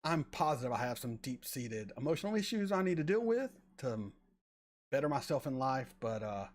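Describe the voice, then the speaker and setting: A man's voice: mid-range voice, very animated. A man in his forties chatting casually on a live stream, answering viewers and often stumbling over repeated words. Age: 40s. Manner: rambling, halting with repeated words. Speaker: reaction channel host reading chat.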